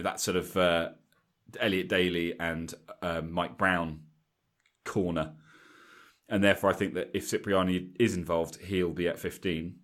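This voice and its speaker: A man co-hosting a casual rugby podcast, talking in a halting way with many restarts. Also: low voice, fairly bright tone. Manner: hesitant, restarts often. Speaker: podcast co-host. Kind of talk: casual chat.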